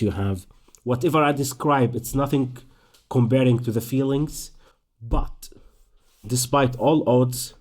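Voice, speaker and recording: A young man from Palestine speaks English with an Arabic accent, answering interview questions in a low, mellow voice. He talks thoughtfully, pausing and restarting as he works through his answers. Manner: thoughtful, halting, many restarts. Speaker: actor and performer. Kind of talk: interview conversation.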